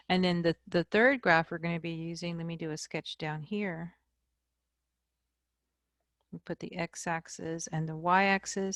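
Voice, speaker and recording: A woman math instructor giving a recorded lecture, explaining slowly and checking in with "okay?". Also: on the low side, no echo, clean studio sound.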